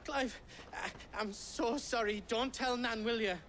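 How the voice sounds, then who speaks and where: Big hapless male trader, fantasy game; high-pitched, anxious, apologetic, flustered, noisy recording. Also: steady tone, a little slow, a bit bright. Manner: flustered, colloquial, pleading. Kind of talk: fantasy video game acting.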